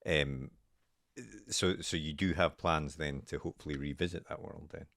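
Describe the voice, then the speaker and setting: A man hosting a podcast interview, asking his questions in a soft-spoken, halting way. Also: very deep voice, steady tone, creaky, dry recording, studio quality. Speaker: podcast host.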